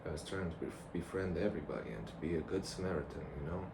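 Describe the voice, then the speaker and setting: Deep gravelly young man, rambling casually. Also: lively intonation, quick pace. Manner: reflective, loose, conversational. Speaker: vlogger. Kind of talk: casual rambling monologue to camera. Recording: clear background noise.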